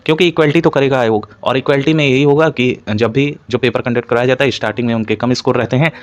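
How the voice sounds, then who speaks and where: Speaking fast in a medium-pitched voice, a man teaches an informal analytical coaching lecture. He mixes Hindi with frequent English terms and repeats points while explaining.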